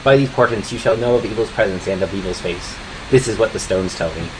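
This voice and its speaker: Man as a grave, low-voiced doom prophet. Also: fast talker, background noise, lightly acted. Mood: ominous. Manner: grave, incantatory. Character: solemn prophet channeling ominous warnings from stones.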